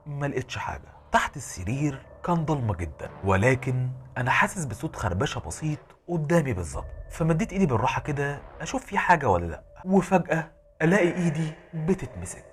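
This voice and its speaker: Egyptian Arabic horror narrator, a man, quick delivery with a lively, swinging pitch. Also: slight background noise. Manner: fast, animated storytelling. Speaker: horror storyteller.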